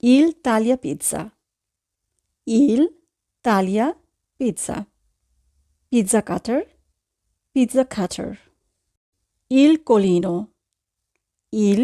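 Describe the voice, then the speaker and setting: A woman's voice: on the high side, expressive, drawn-out words, pauses often, mellow. A woman with a Bangladeshi Bengali accent teaching vocabulary, saying each word twice and then translating it. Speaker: language teacher. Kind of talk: slow vocabulary lesson.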